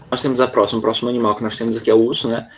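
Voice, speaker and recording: A man with a medium-pitched, slightly breathy voice teaches English to children over a video call. He stays patient and keeps checking in with short questions throughout the online class.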